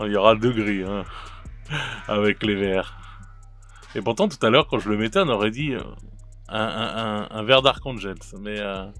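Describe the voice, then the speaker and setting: This miniature painting YouTuber, a man with a lowish, slightly bright voice, reviews paint colors casually with no echo in the recording. He's chatty and hesitant, full of fillers and restarts, and laughs at himself whenever he slips up.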